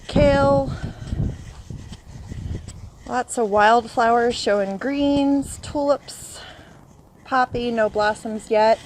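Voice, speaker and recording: A woman's voice: fairly high pitch, slight background noise, rough recording. A woman walking through her yard and filming on her phone, chatty and a bit out of breath, naming her plants and sometimes unsure of them. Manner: chatty, listing plants as she walks, unsure of some names. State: a bit out of breath after a run. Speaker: home gardener. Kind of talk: casual garden walk-through video. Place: outdoors in a home yard and garden. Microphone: phone camera held while walking.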